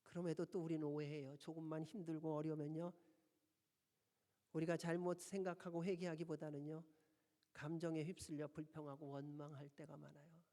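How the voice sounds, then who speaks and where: A high-pitched male pastor delivers an earnest sermon, pressing his listeners with direct questions. His voice rings through a church sanctuary with a long reverb trailing each phrase. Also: flat delivery, brisk, dark tone. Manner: earnest, pleading preacher who asks the congregation direct questions.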